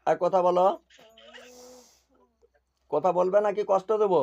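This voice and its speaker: A man's voice: high-pitched, fairly even intonation, unhurried, creaky, darkish tone, muffled recording. A man working as a spiritual healer, sternly questioning over a video call and repeating short demands.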